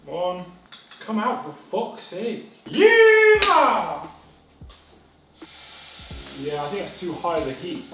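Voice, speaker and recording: A man's voice: sits high, moderate pace, recorded from a distance. A young man cooking while chatting to the camera, swearing and mocking himself as he goes. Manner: sweary, chaotic, self-mocking running commentary. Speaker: vlogger cooking a dinner-party meal. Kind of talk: casual cooking vlog chat. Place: home kitchen. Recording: echoey kitchen, voice off-mic, faint music.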